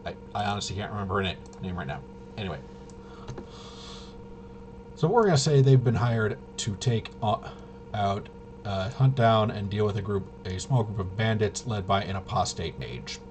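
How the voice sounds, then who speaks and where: A low-voiced man, animated but halting, demonstrates a tabletop RPG as game master through casual, improvised narration of solo play. He thinks aloud and mutters to himself, and the recording is noisy.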